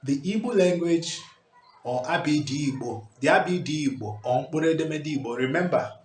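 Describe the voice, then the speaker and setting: Standing before a whiteboard in a small room, this man delivers a language lesson briskly in a slightly high, darkish voice. He speaks emphatically and keeps asking "okay?", captured by a close camera in an echoey space with a faint hiss behind him.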